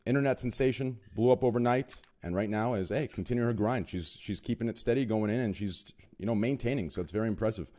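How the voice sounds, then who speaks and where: Speaking fast with barely a pause, this male podcast host has a lowish, warm voice. He chats casually, padding his joking guest introductions with fillers and awkward, rambling humor.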